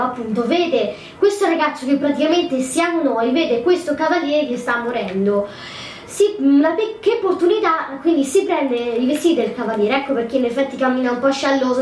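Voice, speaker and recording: A woman's voice: high-pitched, darkish tone. A woman casually commentating her gameplay, thinking aloud, hesitant and correcting herself often. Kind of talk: casual let's play commentary. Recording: roomy, distant mic, faint noise.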